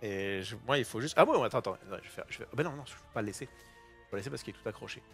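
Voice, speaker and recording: A man hosting a casual card-opening session in his kitchen, chatty and excitable, thinking aloud and using casual slang. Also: medium pitch, very fast, vocal fry, soft background music. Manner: self-interrupting, thinking aloud. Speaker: host opening trading card boosters. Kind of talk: casual unboxing commentary. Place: home kitchen.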